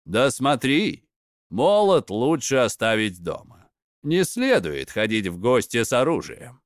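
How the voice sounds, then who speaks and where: A man reading a fairy tale aloud and voicing a sly, scheming male god of the underworld who gives mocking advice in an unhurried way. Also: mid-range voice, big pitch swings, no room sound, studio quality.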